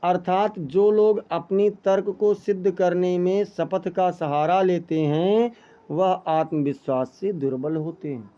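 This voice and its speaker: A man's voice: high-pitched, slow pace, warm tone, highs cut off. A male teacher giving an exam-prep lesson who asks questions and answers them himself, speaking to his students as children. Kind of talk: exam-prep lesson explaining Hindi texts.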